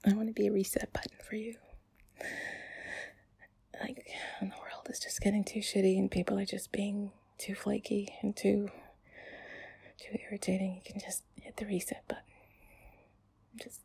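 A young woman whispering in a close ASMR chat, often giggling and sighing softly. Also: mid-range voice, little pitch movement, normal speed, vocal fry, pauses often, slightly rough. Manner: soft whispering with frequent giggles and sighs. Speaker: ASMR creator.

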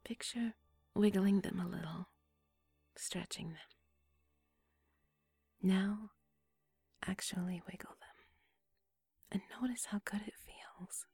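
A woman whispering a slow, soothing guided relaxation script in a breathy, hushed voice. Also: mid-range voice, dry recording, soft background music.

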